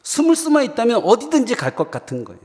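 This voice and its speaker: Animated male pastor preaching in a reverberant hall. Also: extremely high pitch, fast. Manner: animated storytelling, addresses congregation. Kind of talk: sermon. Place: church sanctuary.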